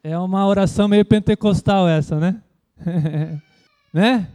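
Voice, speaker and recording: A man with a notably high voice preaches a sermon, asking his listeners rhetorical questions again and again and pausing for their amens. At times he mimics loud, shouted prayers before dropping back to a plain teaching tone. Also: clear, resonant tone. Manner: preaching with frequent rhetorical questions and calls of amen; acts out loud shouting prayers as a mock imitation. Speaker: pastor.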